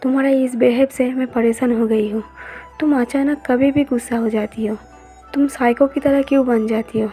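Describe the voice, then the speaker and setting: A quarrelsome young man from a romance story, as a woman reading it aloud puts him on, spoken in an even, level way. The voice sits rather high and has a soft, mellow colour. Faint music plays in the background. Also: normal speed, close to an everyday voice. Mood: angry. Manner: plain even reading of dialogue.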